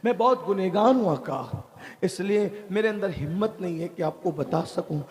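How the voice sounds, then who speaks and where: A man's voice: high-pitched, expressive, moderate pace, darkish tone. A man voicing a remorseful young grave robber who pleads and confesses through tears. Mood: confessing.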